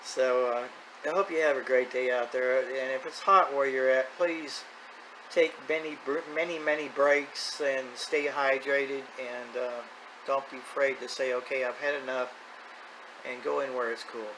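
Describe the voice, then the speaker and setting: Speaking at a measured pace with a steady, sharp tone and medium pitch, a middle-aged or older man hosts a hobby video. His vlog monologue is casual, unscripted, plain-spoken and folksy. The low-quality recording has clear background noise and ambient sound.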